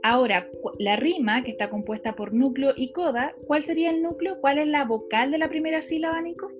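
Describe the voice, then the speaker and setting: A woman's voice: sits high, a little fast, dull audio, over music. A woman teaching a lesson, explaining step by step and quizzing a student with questions. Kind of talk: lecture on phonology.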